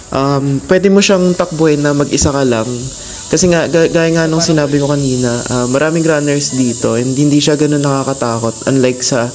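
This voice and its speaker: A man's voice: medium pitch, a little mellow. A man casually narrating a running vlog in a hesitant, unscripted way, searching for his words.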